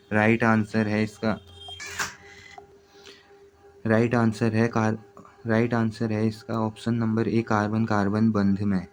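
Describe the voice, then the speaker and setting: A man teaching exam preparation, reading out multiple-choice questions and their answers in a steady, repetitive way. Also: fairly low pitch.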